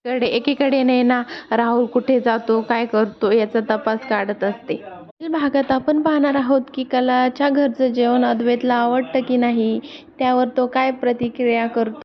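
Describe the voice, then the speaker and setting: A woman's voice: fairly high pitch, steady tone, moderate pace. A woman casually retelling a serial episode, quoting each character in turn. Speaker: serial recap narrator. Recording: dull lo-fi recording.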